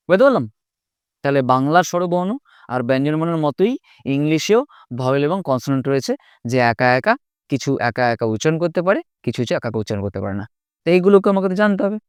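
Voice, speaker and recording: A man teaching an English pronunciation lesson, repeating each sound slowly and often checking that his students follow. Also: on the high side, clean tone, dry recording, clean studio sound. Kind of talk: spoken language lesson.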